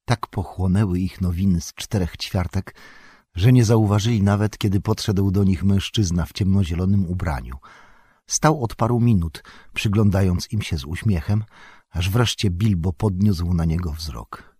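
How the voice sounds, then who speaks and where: Male audiobook narrator, deep husky voice, lively delivery. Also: moderate pace, dry recording, studio quality. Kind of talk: scripted narration.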